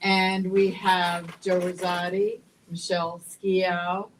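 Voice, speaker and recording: A woman's voice: lowish voice, little pitch movement, slow pace, background noise. A woman hosting a casual roundtable chat, bubbly and laughing often. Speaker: show host.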